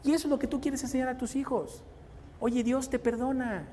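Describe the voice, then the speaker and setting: A man's voice: extremely high pitch, steady tone, brisk, mellow. A middle-aged man with a Mexican accent gives a church talk, moving between homely anecdotes and pointed questions to his listeners. His voice carries a long reverb from a large hall. A faint noise sits under the recording.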